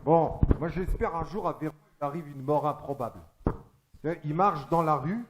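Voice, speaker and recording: Brief: male stand-up comic, slightly high voice, crude and chatty, works the crowd. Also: normal speed, noisy background. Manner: chatty, crude, teasing the audience. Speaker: stand-up comedian. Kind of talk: stand-up comedy monologue. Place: theatre stage.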